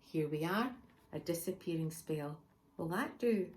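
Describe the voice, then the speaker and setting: A woman voicing an eager, kind young boy wizard in a storybook reading, bright and helpful. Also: lowish voice, expressive, unhurried.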